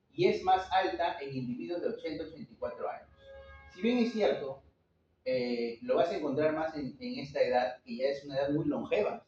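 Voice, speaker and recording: A man's voice: on the high side, darkish tone, a little hiss or hum. A man giving a medical class lecture, asking rhetorical questions and checking in with his students. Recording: echoey, distant, dull room recording.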